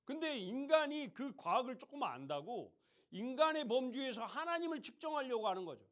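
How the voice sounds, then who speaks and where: A man with a very high, animated voice preaches to a youth group. He talks to them conversationally, throws questions at them, and sometimes slips into mocking voices. It sounds like a church education hall. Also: normal speed. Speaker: youth pastor. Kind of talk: sermon to teenagers.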